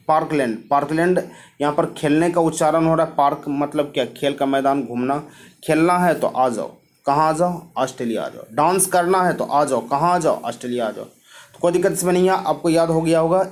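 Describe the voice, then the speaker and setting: A man's voice: a little high, darkish tone. A man teaching a geography lesson with memory tricks, asking himself questions and answering them over and over. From Bihar, India.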